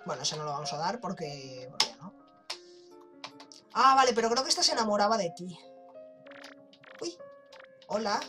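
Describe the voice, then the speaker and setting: A man's voice: high voice, fairly quick, pauses often. A young man with a Spain Spanish accent, chatting and joking casually while commenting on his gameplay, with the odd swear. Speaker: gaming YouTuber. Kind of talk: let's play commentary. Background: game music.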